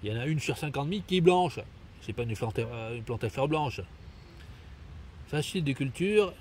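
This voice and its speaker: A man's voice: medium pitch, lively intonation, fairly quick, a little mellow. Guy muttering and picking apart websites outside in the woods, lots of ums, bit of hiss behind. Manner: grumbling, critical, many fillers and restarts. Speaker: nature video maker. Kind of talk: casual commentary reading out web pages. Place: outdoors in a sunny wood.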